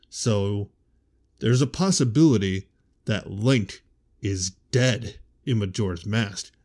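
A man's voice: lowish voice, a little mellow. A man giving casual, rambling video game theory commentary, correcting himself as he goes and pronouncing th sounds as f. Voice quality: says th sounds as f. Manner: rambling, self-correcting, conversational. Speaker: host.

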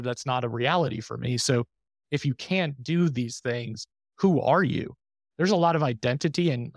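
Man, podcast guest, mid-pitched, dry close sound, candid and reflective, voice a little strained after surgery. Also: no echo. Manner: open, reflective, speaks with many restarts and fillers. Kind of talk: candid conversational interview.

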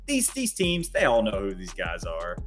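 A man's voice: fairly low pitch, wildly swooping pitch, moderate pace, soft background music. A man co-hosting a casual sports podcast, talking in a conversational, hedging way. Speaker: podcast co-host.

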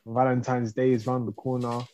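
A man's voice: medium pitch, little pitch movement, fairly quick, mellow. A man with a London roadman accent and street slang, bantering bluntly and teasingly as a podcast co-host. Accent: London, urban street slang.

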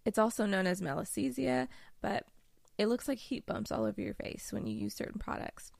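A woman's voice: mid-range voice, animated, fairly quick, vocal fry, darkish tone, no echo. A woman hosting a podcast, talking in a bubbly, slangy, enthusiastic way. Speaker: podcast host. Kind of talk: casual podcast chat.

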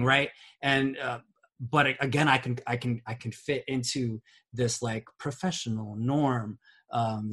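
Here the same kind of speaker, a man co-hosting a podcast, sounds fairly bright at a medium pitch. Earnest but groping for phrasing, he leans on many "um"s and tag questions throughout the relaxed conversation.

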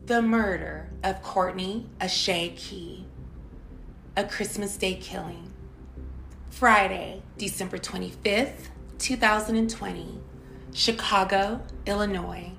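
A woman narrates true crime as a podcast host, her mid-pitched voice noticeably creaky. She reads in a solemn, deliberate way in an echoey space, with music clearly playing underneath. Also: steady tone, fairly bright tone. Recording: echoey room, music bed.

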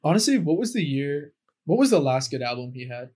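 A man's voice: a little high, big pitch swings, brisk, a little mellow, husky. A young man co-hosting a podcast in casual chat, blunt and crude in his jokes. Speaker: podcast co-host.

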